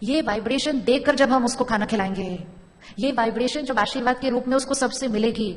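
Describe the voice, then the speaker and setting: Woman giving a spiritual talk, highish voice, lots of hall echo, repeats things and asks the crowd questions. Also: a little fast, slight background noise. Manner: repeats key phrases and quizzes the audience; mixes in English phrases. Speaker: spiritual speaker. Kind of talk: spiritual talk to a live audience. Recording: long hall reverb.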